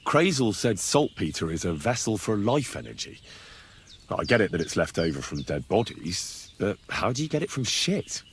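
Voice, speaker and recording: A man's voice: lowish voice, very animated, moderate pace, a little hiss or hum. Henry, a blunt young swordsman. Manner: blunt, dry, brief replies. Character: young male swordsman, terse and wary. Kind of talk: video game dialogue.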